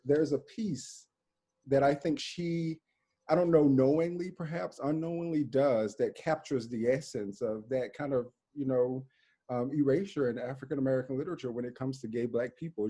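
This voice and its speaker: Warm, husky-voiced man from Mississippi. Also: medium pitch. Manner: thoughtful, searching for words, self-correcting. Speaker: writer and panelist. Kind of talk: panel discussion.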